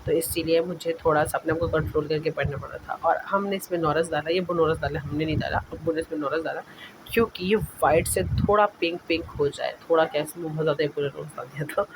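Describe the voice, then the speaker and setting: A young man talks through his home vlog in a casual, rambling voice-over, correcting himself as he goes. His voice sits a little higher than most men's. A clear hiss of noise runs under the recording. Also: fairly even intonation, quick pace. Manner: chatty, rambling, self-correcting. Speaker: vlogger.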